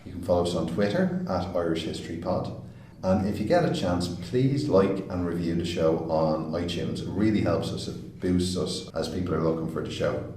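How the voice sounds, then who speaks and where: A man with a very deep, dark voice hosts a history podcast, reading a polite intro and then asking questions. He sounds set back from the mic in a very echoey room, with faint noise behind him. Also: moderate pace, far from the mic. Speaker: podcast host. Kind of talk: scripted intro and interview questions.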